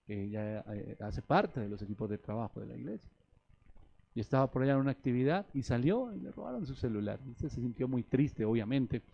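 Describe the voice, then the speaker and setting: A man's voice: mid-range voice, dark tone, breathy edge. A man preaching a sermon, emphatic and acting out the voices he quotes. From Colombia. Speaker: pastor. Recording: dull lo-fi radio broadcast.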